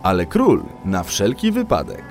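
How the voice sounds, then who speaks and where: A man reading a fairy tale aloud as a storyteller, in an expressive storybook manner. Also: low-pitched, a little slow, faint music behind.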